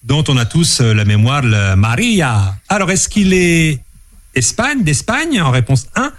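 A man's voice: a little high, sing-song, measured pace. A man hosting a casual online quiz, playful and teasing as he reads out questions and answers. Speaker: quiz host.

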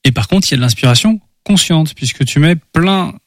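Guy interviewing, quick relaxed questions, dry close sound. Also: fairly high pitch, no room sound. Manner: relaxed, short prompts and agreements. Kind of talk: casual interview.

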